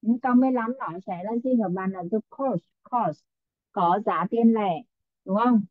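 A woman's voice: mid-range voice, a little fast, no echo. Woman teacher on a tinny, dry line. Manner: coaxing, calls on students, repeats answers back. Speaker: English teacher. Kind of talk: online class teaching in Vietnamese. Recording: tinny phone-like online audio.

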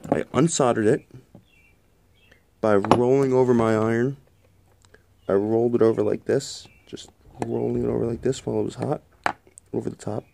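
A man's voice: lowish voice, vocal fry, noisy background. A man in a garage explaining a car part repair while filming one-handed on his phone, plain-spoken and a bit apologetic. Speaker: home mechanic. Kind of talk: casual how-to vlog. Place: garage workbench under a tent. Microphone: phone held one-handed close to the work.

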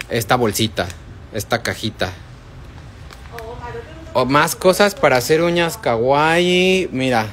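Brief: Mexican man, live-stream shopping host on a handheld phone, chatty, mid-pitched, faint shop noise behind. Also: fairly bright tone. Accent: Mexican Spanish. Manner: chatty, addresses viewers by name, answers chat. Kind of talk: casual live-stream product showing. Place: indoors in a wholesale shop. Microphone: phone held at arm's length.

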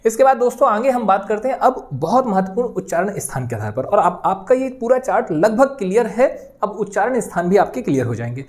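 A woman's voice: mid-range voice, sing-song, brisk, few pauses, darkish tone. A woman teaching a Hindi grammar lesson for exam students, explaining step by step, checking in with "ठीक है" and sounding out the letters. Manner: explains step by step, often adds "ठीक है" and "दोस्तों", says sounds aloud.

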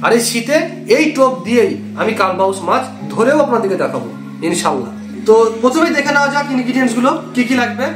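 A man's voice: extremely high pitch, sing-song, fast talker. A young man with a West Bengal Bengali accent, host of a fishing channel, explaining a bait recipe step by step in an earnest, repetitive way. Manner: repetitive, earnest instructional talk. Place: small indoor room. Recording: echoey room with background music.

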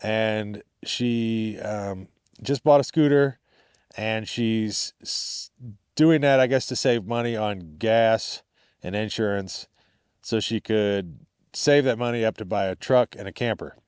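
A man's voice: on the low side, takes it slowly, darkish tone, clear, resonant tone, no room sound, studio quality. A man chatting casually to viewers as a vlogger, in an informal, rambling and appreciative way. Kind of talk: casual chat to camera.

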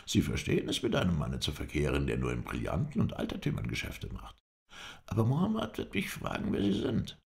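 A man's voice: rumbling low, huge pitch swings, a little fast, vocal fry, a little mellow, heavily acted. A man voicing a fawning, eager male house watchman who is keen to please.

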